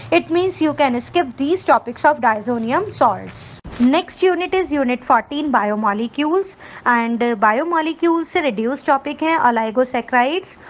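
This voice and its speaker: A woman's voice: high-pitched, lively intonation, extremely slow, low-quality recording. A woman teacher with an Indian English accent, going through chemistry topics one by one, mixing Hindi and English and speaking directly to students. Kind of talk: syllabus walkthrough lesson.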